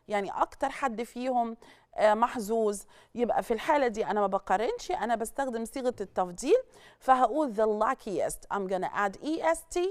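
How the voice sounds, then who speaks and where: Egyptian woman teacher, bright lively delivery, dry close recording, classroom lesson style. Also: a little high, dry recording. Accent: Egyptian Arabic. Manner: explains in Arabic, then switches to English examples; lively, questioning, checks in with students. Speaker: English teacher.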